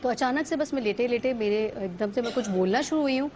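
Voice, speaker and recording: Woman telling a dramatic story, bit high. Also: fairly quick, a little mellow. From Pakistan. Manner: vivid storytelling, acts out others' lines. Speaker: guest. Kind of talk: personal story on a talk show.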